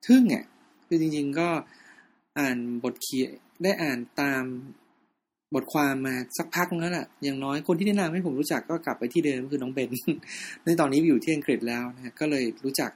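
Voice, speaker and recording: A man hosting a podcast, wrapping up an episode in a relaxed, informal way. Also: medium pitch, slightly rough. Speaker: podcast host. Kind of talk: podcast outro.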